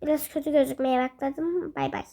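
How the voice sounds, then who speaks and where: A woman's voice: high voice, steady tone, fairly quick, gravelly, mellow. A woman giving casual let's-play commentary, chatty and self-mocking, often exclaiming at the game. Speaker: gaming video host.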